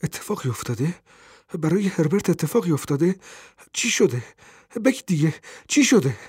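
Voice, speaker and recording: A man voicing a frantic elderly mother who asks in a high, breathless, pleading way. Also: sing-song, darkish tone, husky, dry recording, studio quality, full character voice. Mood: anxious.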